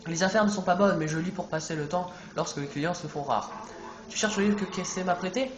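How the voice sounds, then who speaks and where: A man's voice: high-pitched, brisk, lightly acted. A man reading out a bored cartoon ice cream seller. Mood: weary. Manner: reads dialogue aloud plainly. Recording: echoey room, music behind.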